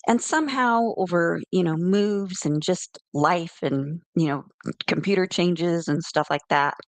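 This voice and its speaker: A woman's voice: on the low side, a little slow, dry recording. A middle-aged woman hosting a casual spiritual talk show, chatty and rambling, often correcting herself as she goes. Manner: rambling, self-correcting, friendly. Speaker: host.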